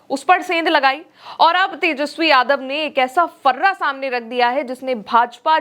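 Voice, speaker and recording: A woman's voice: high-pitched, a bit bright. A woman presenting scripted political news narration in an emphatic, dramatic way.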